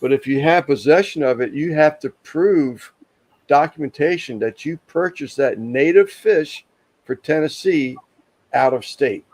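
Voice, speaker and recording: A man hosting a casual livestream chat, telling rambling stories with lots of pauses and restarts. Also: on the high side, darkish tone, low-quality recording. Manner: rambling, halting storyteller. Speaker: livestream host.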